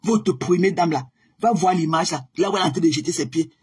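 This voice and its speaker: A woman's voice: lowish voice, quick pace, a little mellow, husky. A woman, ranting confrontationally on a live stream and dropping in English phrases. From Cameroon. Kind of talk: heated live-stream rant.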